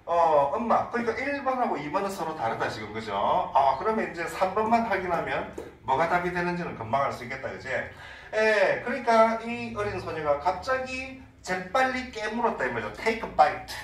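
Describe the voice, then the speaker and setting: A man with a Korean accent teaching an English reading lesson, explaining in Korean and reading English sentences slowly. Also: sits high, big pitch swings, fairly bright tone, echoey room, recorded from a distance, rough recording. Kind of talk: online lecture.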